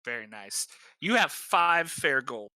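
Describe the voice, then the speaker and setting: Bright-voiced game master, dry sound. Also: medium pitch, a little slow, dry recording. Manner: relaxed, many "uh" fillers. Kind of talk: narrating a tabletop game.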